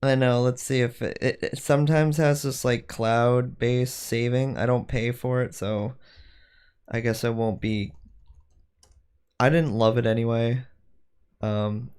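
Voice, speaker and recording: A man's voice: mid-range voice, little pitch movement, measured pace, darkish tone, smooth. A man streaming while he does 3D design work, chatting casually and rambling as he thinks aloud and corrects himself. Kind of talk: casual livestream chat while working.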